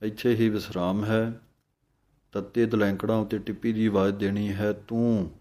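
A man teaching the correct pronunciation of a Sikh hymn, chanting each line slowly and then explaining it word by word. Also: fairly low pitch, level tone, dark tone. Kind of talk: slow recitation lesson with pronunciation notes.

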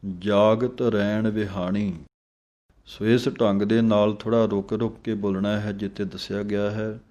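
A man teaching the correct pronunciation of scripture, slowly chanting each verse and then explaining it. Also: fairly low pitch, completely flat delivery, warm tone. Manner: slow chanting of verses between quick spoken explanations. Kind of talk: step-by-step pronunciation lesson.

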